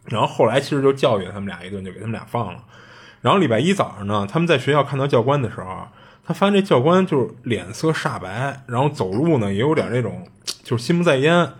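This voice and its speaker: Podcast host, male, husky voice, rapid conversational storytelling. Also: medium pitch. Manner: chatty, animated retelling with frequent fillers. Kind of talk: casual storytelling.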